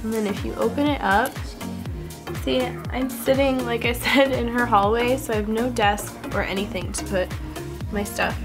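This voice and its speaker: Music plays behind a beauty vlogger in her twenties as she chats casually through a haul video in an upstairs hallway, seated close to a camera-mounted mic. Her voice is on the high side, fairly even in intonation and moderately paced, scratchy and stuffy from a cold, and she often laughs.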